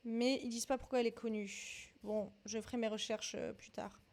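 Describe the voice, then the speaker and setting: A woman's voice: on the high side, steady tone, moderate pace, a little mellow. A young woman doing a dance quiz in a casual vlog, thinking aloud, swearing often and teasing herself.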